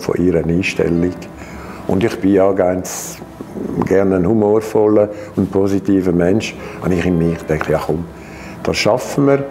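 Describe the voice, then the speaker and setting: This sixty-something man from Geneva, whose first language is French, gives a personal account of being a patient to camera in a bright studio room, speaking haltingly with many restarts and a French-Swiss accent. He has a deep, mellow voice with vocal fry.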